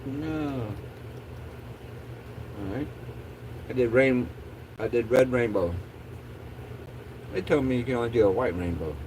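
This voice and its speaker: A man's voice: mid-range voice, normal speed, long pauses, noisy background. A man chatting casually as a livestream host in a laid-back, rambling stoner drawl.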